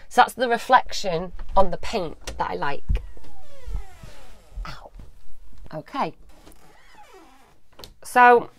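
A woman hosting a live advice stream, speaking gently and reassuringly straight to her viewers and often checking in with "yeah?". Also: medium pitch, lively intonation, slow, long pauses. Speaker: host of a live advice show.

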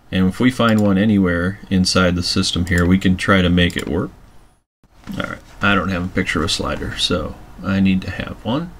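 A man calmly walking through a website editing tutorial step by step, with keyboard typing behind him. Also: low voice, gravelly, slight background noise. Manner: calm step-by-step explaining while working. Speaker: tutorial presenter. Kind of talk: screencast software tutorial.

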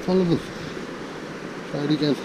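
A man from Ireland talks casually into a head-mounted camera while he hauls in rope on a riverbank. He chuckles wryly at each small find. Wind noise comes through clearly around his voice outdoors. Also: a little high, moderate pace. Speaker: magnet fishing vlogger. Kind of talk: casual running commentary. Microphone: head-mounted action camera.

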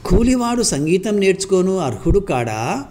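A man's voice: high-pitched, very animated, normal speed, a little mellow, a little hiss or hum, pitched above the performer's own voice. A man voicing a humble young laborer who earnestly and respectfully pleads to learn music. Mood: earnest pleading.

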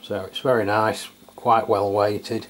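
With a lowish voice and a slow pace, a middle-aged man from England reviews a product casually and without a script for radio. His manner is hesitant and matter-of-fact. The indoor tabletop setting carries room ambience and clear, steady background noise.

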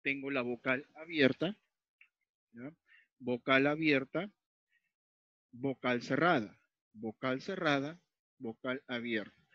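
A Peruvian man gives a step-by-step grammar lesson, writing on a whiteboard or tablet, repeating important points and checking that the class keeps up. His medium-pitched voice is slow, with frequent pauses. The recording is dry, dull and lo-fi.

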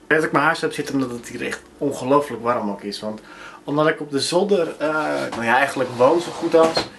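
A man's voice: medium pitch, fast, a bit bright, slight background noise. A young man chatting casually to a handheld camera as he films himself, rambling with lots of fillers, from his attic room to the street and a train. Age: young adult. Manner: rambling, many fillers, self-filming while walking and travelling. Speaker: vlogger. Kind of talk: casual vlog chat. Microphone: handheld camera at arm's length.

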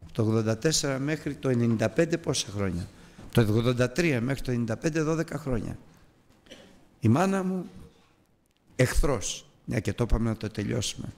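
An older male preacher gives a Bible lesson as a lively story, acting out every voice. His voice sits at a middle pitch. The church hall adds a long reverb behind him.

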